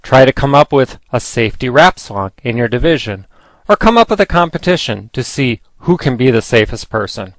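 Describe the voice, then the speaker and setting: A man narrates scripted training material in a formal, instructive manner. The recording is close and dry, and his pitch sits in the middle for a man. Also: lively intonation, fairly quick, no echo.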